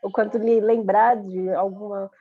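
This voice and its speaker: A woman's voice: mid-range voice, fairly even intonation, unhurried. A woman in an emotional group video call, talking earnestly and close to tears about a hard year. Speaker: student in a religious class. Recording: dull, dry video call audio.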